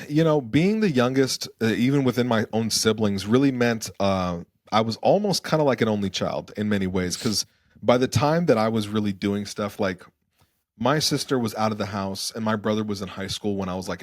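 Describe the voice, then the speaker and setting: A man's voice: on the low side, fairly quick, no room sound, studio quality. A young man from Germany and Arizona, a podcast guest talking casually and reflectively, with many fillers and restarts. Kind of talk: casual interview conversation.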